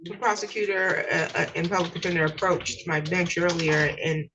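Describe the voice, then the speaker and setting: A woman presiding as judge, speaking in a measured, procedural way, heard on a courtroom audio recording. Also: on the low side, noisy background.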